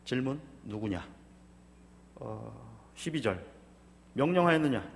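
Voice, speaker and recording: Korean pastor preaching in a reverberant hall. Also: male voice, fairly high pitch, normal speed. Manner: dramatic, voicing anguished prayers then dropping to a calm teaching tone. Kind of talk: sermon. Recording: long reverb from a church hall.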